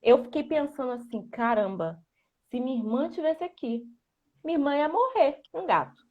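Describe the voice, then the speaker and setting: High-voiced woman, muffled. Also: moderate pace. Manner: animated, lots of "né". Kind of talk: conversational explanation and storytelling.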